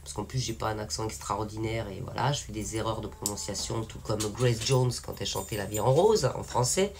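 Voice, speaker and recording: Talking briskly at an extremely low pitch, a woman from France gives a casual spoken update on her channel as an independent singer. She's frank and rambling, full of fillers and restarts, with background noise behind her.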